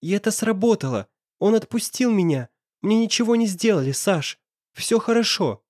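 A man's voice: sits high, animated, normal speed, darkish tone, no echo, clean studio sound, voice pushed up. A man reading an audiobook, voicing a tearful young woman who pleads desperately in a raised voice. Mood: relieved.

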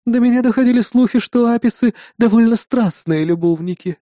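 A man's voice: very high voice, a little fast, dark tone, no room sound, clean studio sound, voice pushed up. A man voicing a lustful, teasing female naga monster in an audiobook, speaking in a sultry way. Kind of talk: audiobook narration.

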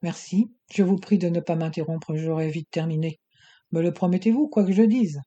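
An audiobook reader voicing a scheming, menacing male doctor who speaks calmly and coaxingly. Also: medium pitch, lo-fi sound, lightly acted. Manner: calm, measured, coaxing menace. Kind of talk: audiobook reading.

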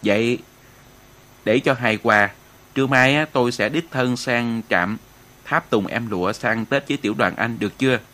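A man's voice: mid-range voice, normal speed, pushed and bright, close to an everyday voice. Man reading as a cheeky army aide. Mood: bantering. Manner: bantering.

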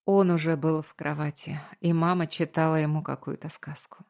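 A woman calmly narrating a first-person audiobook story. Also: sits low, moderate pace, creaky.

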